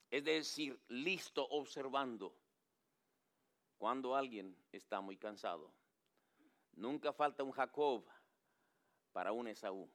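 Male pastor with a smooth, resonant voice, preaching with dramatic hushed drops. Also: medium pitch. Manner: acts out pleading quotes in a raised voice. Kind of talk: sermon.

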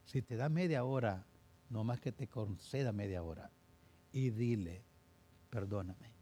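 An older man preaching a sermon as pastor, swinging between loud stress and quiet, slow pleading. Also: on the low side, slight background noise.

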